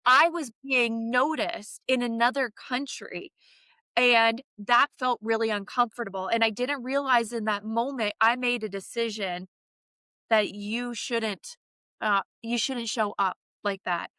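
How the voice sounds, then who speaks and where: Canadian woman, podcast co-host, bright and slightly high voice, animated storyteller. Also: measured pace, clean tone, no room sound, clean studio sound. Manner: animated, vivid storyteller who acts out quoted voices. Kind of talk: candid conversational storytelling.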